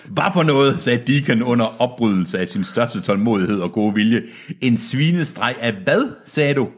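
A man reading aloud and voicing a cruel male villain leader, with a husky voice pitched up for the part. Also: expressive, lightly acted. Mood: impatient. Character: menacing male villain boss, cold and cruel.

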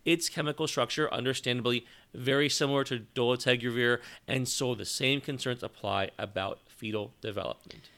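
Man, podcast co-host, medical explainer, bright voice, steady delivery. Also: mid-range voice, gravelly. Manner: measured, explanatory. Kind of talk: educational medical podcast talk.

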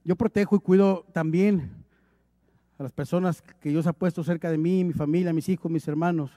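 A man's voice: on the high side, fairly even intonation, normal speed, dark tone, no echo, studio quality. A male preacher delivering an emphatic, exhorting sermon, lightened with humorous acted asides.

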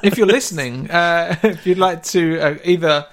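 A man's voice: on the high side, normal speed. A man co-hosting a casual podcast, chiming in with playful, laughing asides. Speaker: podcast co-host.

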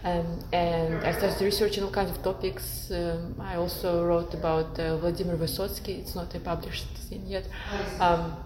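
A woman's voice: on the low side, flat delivery, normal speed, hardly any pauses, echoey room, background noise. A woman from Kazakhstan, a guest academic in an interview, talking thoughtfully with many fillers and restarts. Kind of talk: conversational interview.

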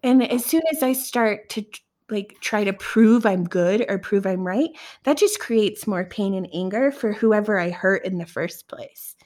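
A woman's voice: medium pitch, unhurried, a little mellow. A woman co-hosting a podcast, talking candidly and reflectively in casual chat, with many filler words.

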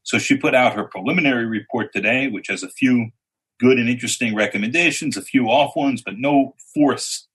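A man on a discussion panel who explains things in a measured and wry way. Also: medium pitch, fairly bright tone, husky, poor audio. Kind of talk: casual political discussion.

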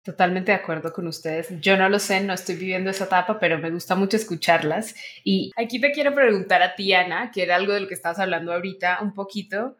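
A woman's voice: mid-range voice, fast, few pauses, fairly bright tone. A woman who hosts a podcast and asks a guest questions in a casual way. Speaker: podcast host. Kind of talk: interviewing, casual.

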